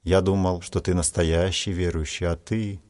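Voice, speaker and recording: A man voicing a gentle, timid schoolboy who speaks softly and reproachfully. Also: sits low, little pitch movement, moderate pace, close to an everyday voice.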